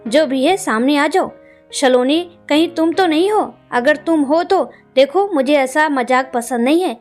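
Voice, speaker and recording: A woman's voice: high-pitched, measured pace, a little mellow, soft background music. A woman voicing a frightened, jumpy young man who blurts out panicky questions. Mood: scared.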